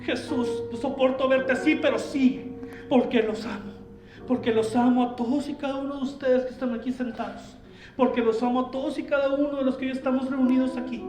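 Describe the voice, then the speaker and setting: A loving heavenly father urges his son onward, tender yet insistent, as a male preacher voices him. The high voice echoes around a roomy church, with a faint instrument playing behind. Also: steady tone, a little fast, a little mellow, faint music behind. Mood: tender urging.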